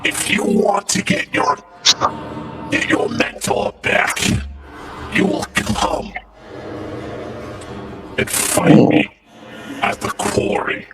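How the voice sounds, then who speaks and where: A slow, gloating villain with a gravelly growl that swoops wildly up and down. He drags out every threat. It plays as an echoey recorded message with music behind it. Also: on the low side, very animated, a bit bright, exaggerated voice. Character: menacing male villain taunting the heroes.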